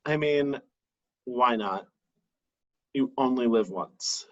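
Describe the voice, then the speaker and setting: A man's voice: mid-range voice, slow pace, muffled recording. A man in his thirties co-hosting a podcast, chatting casually with playful asides. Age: 30s. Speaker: podcast co-host. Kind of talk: casual chat.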